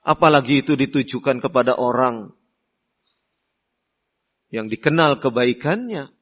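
Slow-speaking male preacher. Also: medium pitch. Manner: slow, deliberate teaching with frequent "ya" fillers; acts out polite hosts in soft voice. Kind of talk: sermon. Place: Islamic boarding school hall.

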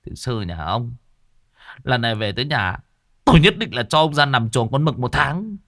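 A dry, world-weary master, as a male storyteller plays him, scolding his helpers in a lively voice. Recorded close, with a dry sound. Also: medium pitch, moderate pace, no room sound.

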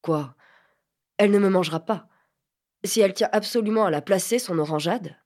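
A woman reading an audiobook voices a proud, touchy sixteen-year-old boy who answers in sharp, indignant outbursts. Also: medium pitch, normal speed, lightly acted. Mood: defiant.

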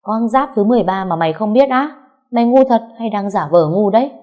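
A woman's voice: fairly low pitch, a little fast, lo-fi sound, lightly acted. A woman voicing a brash, bossy young woman friend who scolds bluntly.

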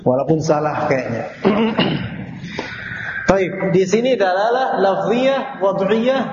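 High-voiced man lecturing in an echoey room. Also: expressive, takes it slowly, noisy background. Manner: conversational, asks students questions. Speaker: Islamic teacher. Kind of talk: casual classroom lecture. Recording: echoey, dull room recording.

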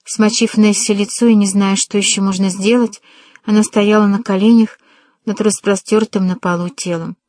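A woman narrating an audiobook in a measured, dramatic storytelling manner. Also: medium pitch, steady tone, darkish tone, dry recording.

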